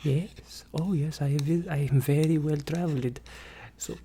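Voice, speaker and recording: A woman voicing an eccentric, boastful, excitable vampire in a theatrical, rambling ASMR ASMR role-play, slipping in and out of a breathy soft voice. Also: low voice, a little hiss or hum. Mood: boastful, secretive. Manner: theatrical, chatty, rambling, drawn-out exclamations. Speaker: ASMR performer.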